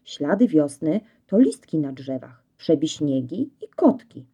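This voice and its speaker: A woman voicing an eager, excitable young male dog in a storybook, with bouncy, breathless enthusiasm. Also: deep voice, measured pace, husky, dull audio, full character voice. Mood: excited.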